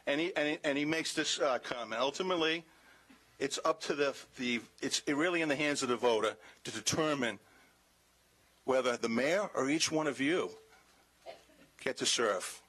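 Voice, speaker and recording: Bright-voiced man giving public comment. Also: medium pitch, moderate pace, poor audio. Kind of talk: public comment at council meeting. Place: city council chamber.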